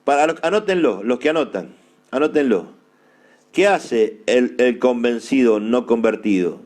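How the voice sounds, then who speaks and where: A man preaching a sermon in an Argentine accent, emphatic and repeating key phrases slowly for his listeners to note down. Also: mid-range voice, animated, a little mellow. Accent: Argentine Spanish. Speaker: apostle preaching.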